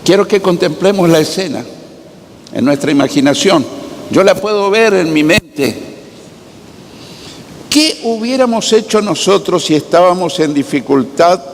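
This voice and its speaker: A man preaching a sermon, slow and dramatic, sometimes rising to a near shout. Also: fairly high pitch, slight background noise. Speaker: pastor. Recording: long hall reverb.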